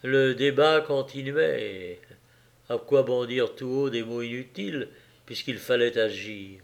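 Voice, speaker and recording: A man reading a classic novel aloud in a measured, solemn manner with long pauses. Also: mid-range voice, vocal fry. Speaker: audiobook reader. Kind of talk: literary narration.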